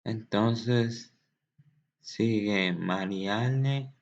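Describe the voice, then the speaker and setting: A man casually introducing clips in an unhurried, offhand way as host of a reaction video. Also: fairly low pitch, a little hiss or hum. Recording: dull lo-fi recording.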